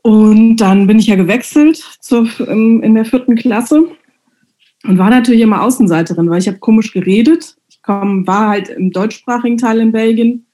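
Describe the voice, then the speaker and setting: A woman guest from Germany, speaking in a relaxed, hesitant way with many fillers in a casual conversation. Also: fairly high pitch, normal speed.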